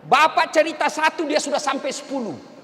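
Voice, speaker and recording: Male preacher, high and sharp voice, jokes while he teaches, echoey hall. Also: sing-song, a little fast. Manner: jokey, addresses the men in the audience directly. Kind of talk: humorous sermon.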